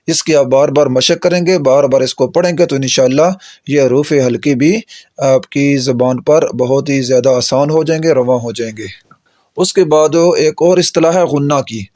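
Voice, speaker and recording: A man's voice: fairly high pitch, darkish tone, dry recording, clean studio sound. A man teaching Quran pronunciation, patiently drawing out and repeating each letter for his students to practise. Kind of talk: tajweed lesson.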